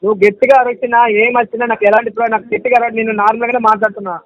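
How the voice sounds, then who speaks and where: Pushy fast-talking recovery agent man. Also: very high-pitched, flat delivery, crowd noise. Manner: insistent, talks over the other man, repeats sums. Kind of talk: heated phone argument. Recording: muffled phone call recording.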